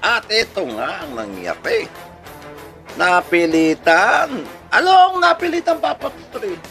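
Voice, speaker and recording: Over background music, a male host with a Filipino accent delivers comedic storytelling on a radio-style channel. His high-pitched, slightly bright voice is very animated but slow, and his manner is playful and chuckling, full of rhetorical questions.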